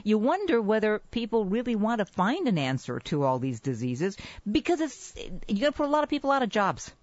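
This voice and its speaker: A woman's voice: medium pitch, sing-song, brisk, darkish tone, no room sound, muffled recording. A woman hosting a radio health interview, asking chatty, conversational questions. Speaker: radio show host.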